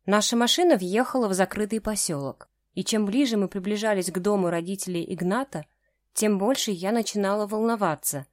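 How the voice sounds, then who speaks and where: A woman narrating a first-person romance audiobook in a measured, even way. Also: medium pitch, no room sound, studio quality.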